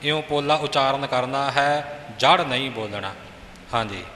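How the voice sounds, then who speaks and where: A man's voice: mid-range voice, a little slow, sharp tone, slight background noise. A man teaching how to pronounce scripture, patiently explaining and half-chanting examples. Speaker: recitation teacher. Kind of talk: pronunciation instruction. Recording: reverberant echoey hall.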